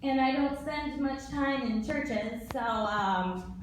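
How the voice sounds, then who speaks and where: A young American woman performs a stand-up comedy set with a deadpan, blunt delivery and casual swearing. Her voice sits a little high and moves at an unhurried pace. The recording sounds distant and very echoey, with clear room noise around her. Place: comedy club stage.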